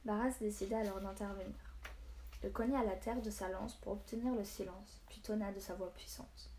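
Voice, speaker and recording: Calm woman reading a novel aloud. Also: mid-range voice, normal speed, a little hiss or hum. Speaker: story reader.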